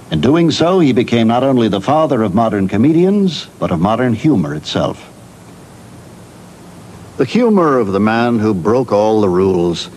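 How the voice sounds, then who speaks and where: A man's voice: on the low side, darkish tone, a little hiss or hum, rough recording. A middle-aged man presenting a documentary with polished, scripted storytelling narration.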